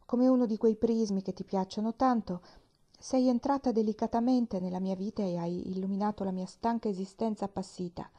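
A weary, once-bitter older man confessing slowly and heavily, read out by a woman. The voice is low-key and mellow, with no brightness in it, and it pauses under the weight of what it says. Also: steady tone, dull audio, natural voice. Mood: heavy. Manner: subdued, heavy, halting confessions. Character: lonely, gruff older man, under sixty.

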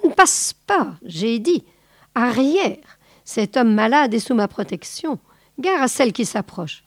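A woman's voice: medium pitch, big pitch swings, a little slow, warm tone, dry recording, clean studio sound. A woman voicing a proud, stern female giant boa who speaks firmly, in a storybook reading. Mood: commanding. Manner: commanding, firm.

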